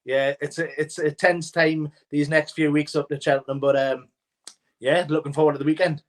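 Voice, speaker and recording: Hesitant man with a higher voice. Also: little pitch movement, normal speed. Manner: hesitant, many fillers and restarts. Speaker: co-host and racing tipster. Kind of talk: casual racing preview chat.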